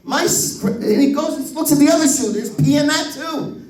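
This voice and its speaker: On a comedy club stage, a man in his fifties tells profane stand-up stories, animatedly acting out other people's voices. His very high voice runs fairly quick. He's picked up from a distance, with a roomy echo around the mic sound.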